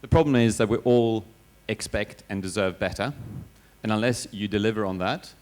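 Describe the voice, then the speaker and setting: A man speaking as a panelist on a conference stage. His voice sits fairly low, and he talks in a measured, reflective way. He pauses to correct himself mid-phrase. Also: a little mellow. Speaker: company CEO and panelist.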